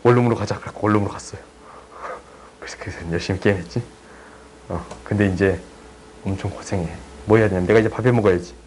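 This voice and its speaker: A young man tutoring high school math in a chatty, teasing way, often checking that students follow. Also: fairly even intonation, fast, long pauses, background noise. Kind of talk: casual online math lesson.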